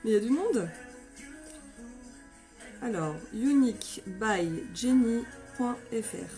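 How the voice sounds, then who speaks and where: A woman in her thirties, chatty and excitable on a live stream, greeting viewers by name while her nose is stuffed up from a sinus infection. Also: on the high side, takes it slowly, faint music behind.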